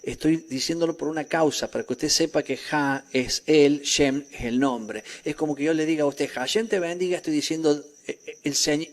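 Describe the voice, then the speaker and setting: A male pastor preaching a sermon in an emphatic way, with rhetorical questions, sometimes rising to near shouts, with crickets chirping behind him. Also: mid-range voice.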